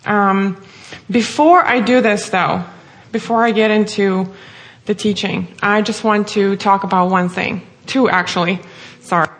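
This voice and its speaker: A woman's voice: medium pitch, steady tone, a little slow. A woman from Russia with a Russian accent, preaching an earnest, heartfelt sermon.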